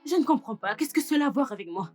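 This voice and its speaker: A woman's voice: a little high, expressive, very fast. A woman dubbing the irritated wife of the employer, with dismissive, exasperated retorts. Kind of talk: French film dub.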